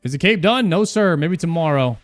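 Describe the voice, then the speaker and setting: A man's voice: a little high, animated, brisk, no room sound, faint music behind. A young man streaming a game, chatting casually and joking as he plays, often repeating himself mid-sentence. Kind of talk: casual live-stream commentary while playing.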